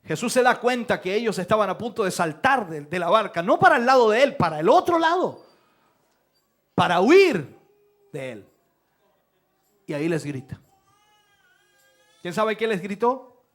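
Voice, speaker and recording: Male pastor, very animated delivery with a high pitch and sudden shouted lines. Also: moderate pace, long pauses. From Chile. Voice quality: dramatic preaching, bursts into shouts. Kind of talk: sermon. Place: church.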